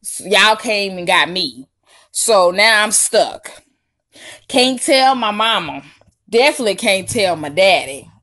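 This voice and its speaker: A young adult woman with a Southern US accent tells a personal story casually to viewers, slangy and animated, with drawn-out emphasis and asides. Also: medium pitch. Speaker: storytime vlogger.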